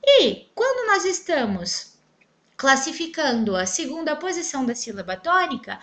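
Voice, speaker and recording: A woman teaching a grammar lesson, speaking clearly and stretching out syllables to show the stressed one. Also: sits high, very animated, normal speed, a bit bright. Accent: Brazilian Portuguese. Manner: clear, emphatic, stretches syllables when spelling out words.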